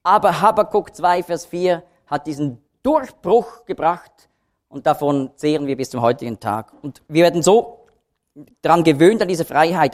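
Male Bible teacher, animated intonation, explanatory lecture delivery, emphatic repetition. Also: fairly high pitch.

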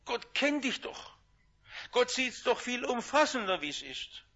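A man preaching a sermon, shifting between loud emphatic lines and hushed quiet ones. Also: extremely high pitch, big pitch swings, a little slow, lo-fi sound.

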